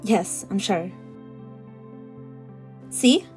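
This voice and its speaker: A woman voicing a patient, reassuring companion in an animated cartoon. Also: mid-range voice, drawn-out words, faint music behind.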